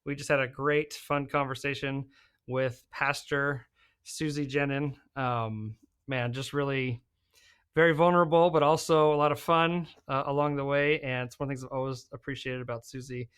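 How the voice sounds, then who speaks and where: A man's voice: mid-range voice, fairly even intonation, moderate pace, fairly bright tone, clear, resonant tone. A man hosting a podcast, talking in an easygoing, joking way. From American Southwest desert. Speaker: podcast host. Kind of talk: casual podcast chat.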